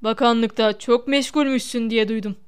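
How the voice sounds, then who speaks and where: A woman's voice: on the high side, fairly even intonation, moderate pace, clear, resonant tone, lightly acted. Lucius Malfoy, as a woman reads him, sneering. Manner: sneering, mocking. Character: sneering haughty wizard man, cold aristocrat.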